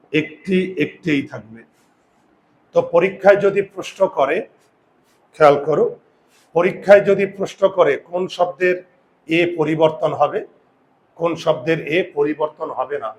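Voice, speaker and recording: A man teaching a grammar lesson who sounds out vowels slowly, repeats words and asks his students questions. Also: fairly high pitch. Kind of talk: classroom lesson.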